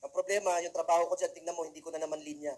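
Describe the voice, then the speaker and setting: High-voiced Filipino man, comic storytelling. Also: steady tone, racing, a little mellow. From Philippines. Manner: comic storytelling, talks straight to the audience. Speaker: motivational speaker. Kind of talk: humorous talk to students.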